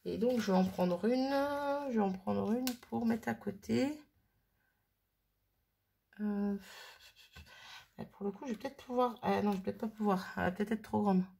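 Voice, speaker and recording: A woman's voice: mid-range voice, normal speed, gravelly, pauses often, mellow, slight background noise. A woman casually thinking aloud as she works on a craft project, chatting and muttering to herself at her worktable. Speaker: crafting vlogger.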